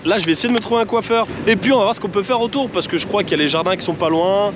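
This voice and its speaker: A man's voice: sits high, racing, noisy background. A man from France, chatting casually as a travel vlogger, his voice congested from tonsillitis. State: sick with tonsillitis, congested swollen-throat voice. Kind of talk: casual vlog chat to camera.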